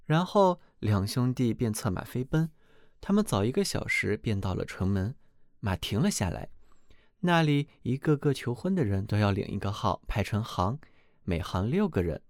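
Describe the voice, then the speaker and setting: A man reading a fairy tale aloud as narrator, expressive and animated. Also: medium pitch, vocal fry, no room sound, clean studio sound.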